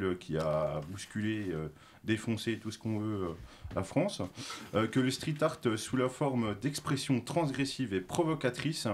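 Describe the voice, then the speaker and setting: Working from his notes, a man presents a talk show segment, filling his explanation with filler sounds, self-corrections and light self-mocking asides. His voice sits at medium pitch, with slight background noise.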